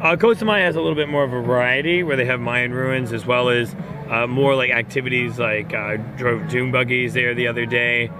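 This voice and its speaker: A man's voice: medium pitch, steady tone, brisk. An upbeat man hosting a casual question-and-answer session as a cruise director, talking conversationally. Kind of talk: casual Q&A chat, reading questions aloud. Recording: music playing behind the voice. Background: music.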